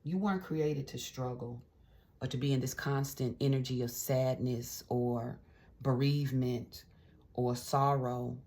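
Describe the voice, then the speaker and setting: Speaking straight to camera, a female tarot reader gives a casual, encouraging reading in an extremely low, dark voice that stays steady and moves a little slowly. She's chatty, sprinkling in small check-ins and fillers, and keeps an uplifting, spiritual pep-talk feel throughout.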